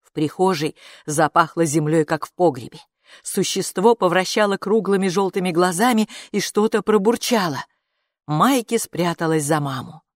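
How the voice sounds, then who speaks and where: A woman reading a children's story aloud as narrator, with a lively, expressive delivery. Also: on the low side, normal speed, no room sound, studio quality. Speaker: audiobook narrator. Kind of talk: scripted narration.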